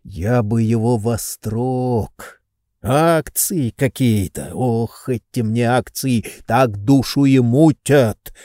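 A man voicing a loud, coarse, pushy middle-aged man who blusters and makes demands, in an audiobook reading. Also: medium pitch, takes it slowly, dry recording, clean studio sound, lightly acted.

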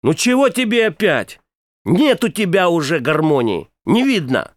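A man voicing a sharp-tongued, scornful woman, a princess on a train, in a storybook reading. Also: fairly high pitch, big pitch swings, moderate pace, dry recording, clean studio sound. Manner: snappish, dismissive.

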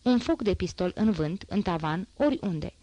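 A woman voicing a stern male police inspector who gives quick, firm orders, in an audiobook reading. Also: fairly low pitch, animated, dark tone, no echo, close to an everyday voice.

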